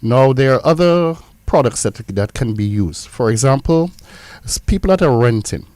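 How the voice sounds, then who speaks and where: A man's voice: mid-range voice, expressive, moderate pace, darkish tone, no room sound. A man with a Caribbean accent explaining as an insurance representative, emphatically repeating phrases for stress. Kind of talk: explanatory interview talk.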